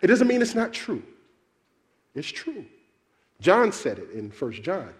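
Animated male preacher with a high, lively voice. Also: measured pace. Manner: animated, calls out questions to the congregation. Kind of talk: sermon.

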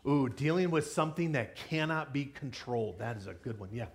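A man giving a lively children's sermon, asking the kids questions and joking with them. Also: mid-range voice, a little fast. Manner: energetic, playful, asks the kids questions. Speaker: children's pastor. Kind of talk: kids' sermon with audience interaction.

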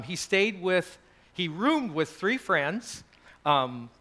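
A man with a fairly high, fairly bright voice hosts a college gathering. He addresses the group casually, telling stories in a chatty, rambling way full of fillers.

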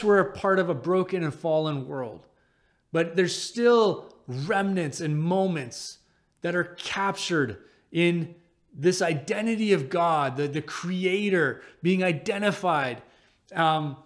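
A man's voice: a little high, animated, takes it slowly. A man in his thirties preaching a conversational sermon as pastor, with frequent small restarts.

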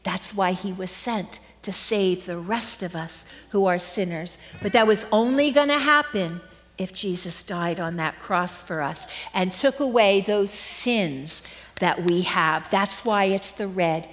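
A woman giving a children's message in a church service, speaking gently and asking the children questions. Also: medium pitch, a little slow. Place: church sanctuary. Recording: long church reverb.

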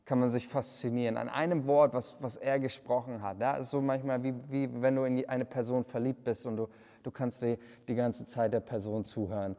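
A man's voice: mid-range voice, fairly even intonation, fairly quick, warm tone, big-room sound. A man preaching a livestreamed sermon, earnest, often repeating words and restarting his sentences. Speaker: pastor.

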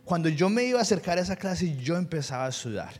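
A young male pastor from Colombia with a Colombian Spanish accent, preaching with earnest personal storytelling. His voice sits a little higher than most men's. It rings out with a long hall reverb. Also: sing-song, quick pace, a little mellow, husky. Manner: earnest, personal storytelling, slips into English asides. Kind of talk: sermon.

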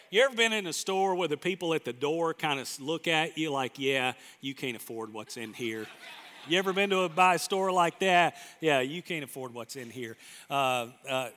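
A man's voice: on the high side, normal speed, a bit bright. Folksy pastor in his fifties, reverberant hall. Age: 50s. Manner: folksy and self-deprecating, jokes with the congregation. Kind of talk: conversational sermon. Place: church sanctuary.

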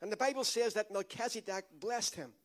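A man's voice: high-pitched, a little fast, a bit bright. A man preaching a sermon with emphatic, repetitive phrasing and calls to the congregation. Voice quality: emphatic preaching with repeated phrases and call-and-response. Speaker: pastor.

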